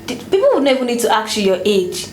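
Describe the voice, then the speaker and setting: Casting: young woman co-host, animated, echoey room. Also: fast talker, a little hiss or hum. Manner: animated, rises in pitch when making a point. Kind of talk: casual panel chat.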